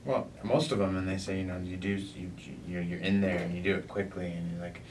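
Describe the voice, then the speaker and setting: A man's voice: steady tone, a little fast, darkish tone. A man conducting a casual interview, asking tentative, wandering questions and reacting eagerly. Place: convention, at some distance from mic. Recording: distant mic, noisy rumbling convention recording.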